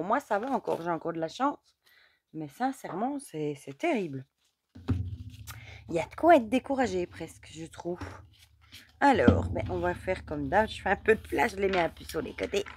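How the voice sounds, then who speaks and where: A hoarse mother, chatting in a rambling way as she hosts an oracle card reading. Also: on the low side, slight background noise. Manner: chatty and rambling, many fillers. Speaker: oracle card reader, channel host. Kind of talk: casual chat during a card reading.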